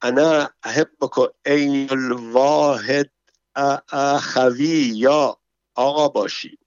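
A man's voice: medium pitch, fairly even intonation, smooth, no echo, muffled recording, close to an everyday voice. A man doing a drunk, short-tempered caliph. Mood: tipsy. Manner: slow, broken Arabic.

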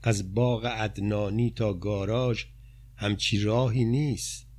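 A man's voice: on the low side, fairly even intonation, a little mellow, lightly acted. A man voicing a poor, blunt young woman who talks plainly and in confidence about her past. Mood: confiding.

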